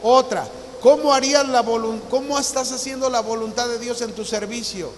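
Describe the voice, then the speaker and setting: A pastor around sixty preaches with a notably high voice, telling his story in an earnest, personal way. His words ring out with a long reverb, and a faint hiss sits underneath. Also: steady tone, moderate pace. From Mexico. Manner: earnest storytelling, acts out remembered dialogue. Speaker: visiting pastor. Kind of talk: sermon. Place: church hall.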